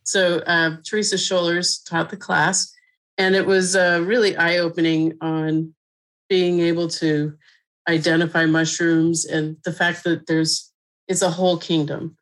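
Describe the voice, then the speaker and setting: A middle-aged woman from Colorado talks as a guest on a podcast. Her voice is low, and her manner is chatty and relaxed, full of fillers and frequent laughter. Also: a little slow, poor audio. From Colorado, USA. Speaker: guest mushroom expert. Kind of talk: casual interview conversation.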